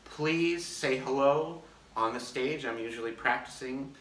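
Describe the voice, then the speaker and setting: A man talking through his practice method in a friendly, methodical way, his voice bright and forward. He is filmed on a phone set back from him, so the room sounds echoey and distant. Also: medium pitch, measured pace. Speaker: orchestra concertmaster. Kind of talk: casual practice demonstration.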